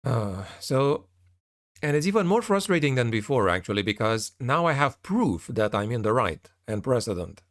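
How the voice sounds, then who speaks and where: A man's voice: medium pitch, very animated, normal speed. A man speaking casually to his viewers as a channel creator, in a hesitant, rambling, somewhat frustrated way. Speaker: YouTube narrator and channel creator. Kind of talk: casual spoken update to viewers.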